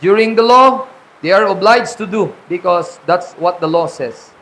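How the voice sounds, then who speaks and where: A man with a Filipino accent, a pastor preaching an animated sermon at a church conference. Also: high-pitched, unhurried, rough recording. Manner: animated preaching, mixing in laughs and acted quotes.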